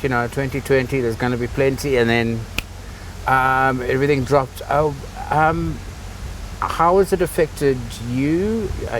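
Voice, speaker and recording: A man's voice: medium pitch, recorded from a distance, a little hiss or hum, low-quality recording. A man hosting a casual interview, affectionate with his guest and hesitant, with many ums. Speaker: interviewer host.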